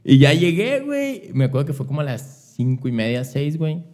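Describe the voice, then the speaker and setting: A young man with a Mexican accent, a radio announcer guesting on a podcast, telling anecdotes in a slangy, animated way and acting out the voices of the people in them. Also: fairly high pitch, a little fast. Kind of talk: casual storytelling chat.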